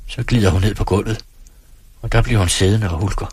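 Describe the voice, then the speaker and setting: Man reading a novel aloud, low voice, husky, dry close sound. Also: darkish tone, no room sound. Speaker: reader.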